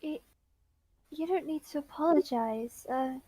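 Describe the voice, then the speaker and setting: A woman voicing a quiet young girl who speaks with low-key reassurance. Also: measured pace, no echo. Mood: reassuring.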